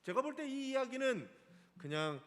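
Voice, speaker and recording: A man's voice: very high voice, normal speed, in a large hall. A male pastor preaching a Sunday sermon in a church sanctuary, asking the congregation questions. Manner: animated, asks the congregation questions.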